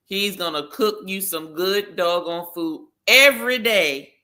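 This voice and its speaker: A man co-hosting a relaxed podcast conversation, his voice bright and forceful. He talks emphatically, with a lively, animated delivery and frequent laughter. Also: sits high, unhurried. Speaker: podcast co-host. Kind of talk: casual chat.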